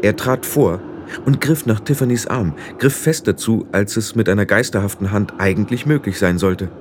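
A man reading a fantasy audiobook aloud, expressive and lifting his voice for the characters. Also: normal speed, slight background noise. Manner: expressive, raises pitch for the girl's lines. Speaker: audiobook narrator.

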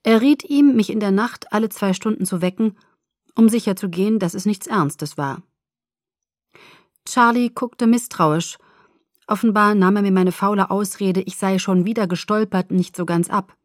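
A woman narrating a novel in the first person, with measured, expressive storytelling. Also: mid-range voice, dry recording, studio quality. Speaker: audiobook narrator.

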